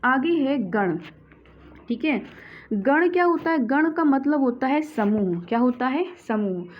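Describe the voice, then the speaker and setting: A woman's voice: high-pitched, expressive, takes it slowly. A woman teaching Hindi grammar who asks her class questions and then answers them herself, often repeating "ठीक है". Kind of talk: classroom explanation. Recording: slightly dull audio with faint background noise.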